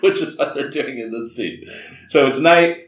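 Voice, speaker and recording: A man's voice: medium pitch, moderate pace, echoey room, recorded from a distance. A man co-hosting a casual podcast review of a film, laughing often and sounding incredulous. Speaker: podcast co-host.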